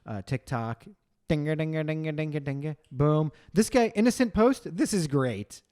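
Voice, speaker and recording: Brief: male comedy podcast co-host, fairly high voice, teasing and quick. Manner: quick, animated, teasing, profane. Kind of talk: casual comedic podcast chat.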